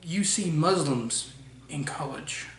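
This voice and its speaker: A young man gives a blunt, profane movie review, circling back on his words as he goes. His voice sits a little high. He sounds set back from the mic in a roomy space with faint background noise. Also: animated, slow, fairly bright tone, far from the mic. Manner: blunt, profane, frequent restarts. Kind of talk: casual ranting movie review.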